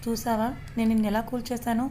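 Woman doing a sulky young wife, whiny complaints, flat mellow storybook read. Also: on the high side, quick pace, slight background noise, close to an everyday voice. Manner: pouting, complaining.

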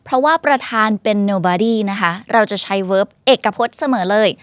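A young woman teaches English in a casual online lesson, speaking. She reads each English example slowly and clearly and spells words out letter by letter. Her voice sits at an ordinary pitch, recorded dry and close with no room sound. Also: dry recording. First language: Thai.

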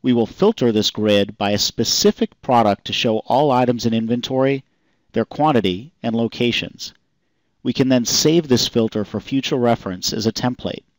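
A man calmly reading a scripted software demonstration voice-over in an even, explanatory way. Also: mid-range voice, normal speed, dry recording. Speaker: software demo narrator. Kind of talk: scripted product demo narration.

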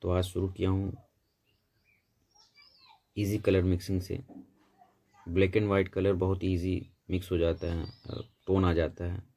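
A man's voice: deep voice, completely flat delivery, measured pace, pauses often, dark tone. A man giving a painting tutorial in a voice-over, explaining each step patiently and steadily. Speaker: painting instructor.

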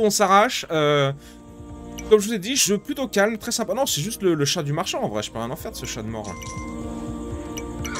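A man giving casual let's-play commentary, excitable, swearing and pleading loudly with game characters. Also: on the high side. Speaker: gaming YouTuber. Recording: game music playing behind the voice.

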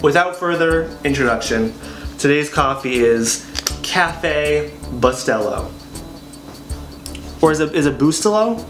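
A young man co-hosting a casual comedic chat at home, rambling with playful deadpan banter. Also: on the high side, unhurried, long pauses, reverberant, music in the background. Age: young adult. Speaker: co-host. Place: home kitchen, indoors.

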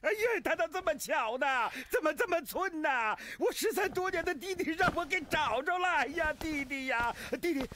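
An actor playing a greedy, scheming county magistrate in a comic period drama, full of theatrical wailing exclamations. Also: male voice, sits high, very animated, fairly quick, fairly bright tone, slightly rough, full character voice. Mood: fake tearful. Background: drama score music.

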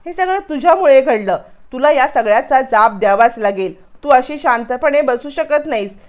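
A woman's voice: high-pitched, lively intonation, moderate pace, a little mellow. A woman reading the lines of a headstrong young bride who demands answers in a retold serial. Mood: confronting. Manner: demanding, confrontational.

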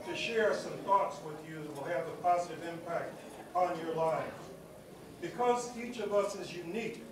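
A man with a high-pitched voice delivers a commencement address in a large hall. He speaks in a rhythmic, oratorical way, stacking repeated phrases. The recording has a heavy echo. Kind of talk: commencement speech. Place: large hall at a graduation ceremony. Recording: echoey hall recording from far off with noise.

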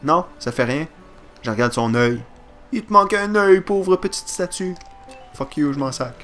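An excitable Quebec French man commentating a video game, joking and swearing as he plays. His voice sits a little high and jumps around constantly, with faint game music behind him. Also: normal speed. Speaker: let's play gamer. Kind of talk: let's play commentary.

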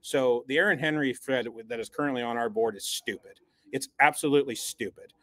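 A man co-hosts a sports podcast, offering post-game analysis bluntly and emphatically, tripping over repeated words as he builds momentum. His voice is mid-range, fairly quick and fairly bright.

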